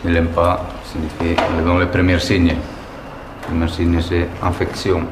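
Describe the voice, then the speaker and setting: Brief: male army instructor, forties, Spanish accent, stern drill-sergeant goading, noisy outdoor field recording with vehicle rumble. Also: completely flat delivery, measured pace. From Spain. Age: 40s. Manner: stern drill-sergeant, goading with curt questions and blunt orders. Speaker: Foreign Legion chief warrant officer, instructor. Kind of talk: military instruction to trainees. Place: outdoors on a training course.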